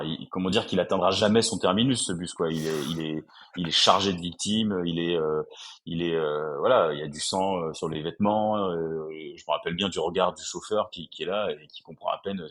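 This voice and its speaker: A man recounts a personal story on a podcast. His voice sits very low, and he speaks haltingly, with frequent fillers and restarts. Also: a bit bright. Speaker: podcast guest. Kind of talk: conversational storytelling.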